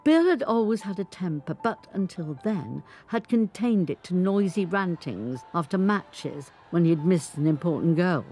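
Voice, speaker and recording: An actress portrays a dignified 85-year-old grandmother who endured abuse as a former footballer's wife, delivering her life story as a measured, articulate scripted monologue in the first person. Her older voice sits on the low side, mellow with lively intonation, and sounds grave and bitter. Guitar music runs underneath the studio recording.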